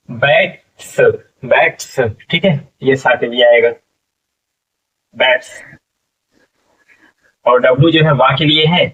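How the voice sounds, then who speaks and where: A man teaching English phonics in a spoken lesson, spelling words letter by letter, repeating them and asking what each becomes. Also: medium pitch. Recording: distant, dull lo-fi classroom recording.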